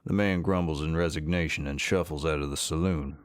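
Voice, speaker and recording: A man giving steady, measured second-person scripted narration for a western game. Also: very deep voice, smooth, no room sound, studio quality. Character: calm male storybook narrator of a western, adult.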